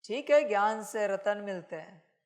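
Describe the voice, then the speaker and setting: A woman's voice: mid-range voice, expressive, unhurried. A woman giving a channeled sermon, speaking as a divine father to her children, scolding them with emphatic rhetorical questions. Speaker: spiritual messenger.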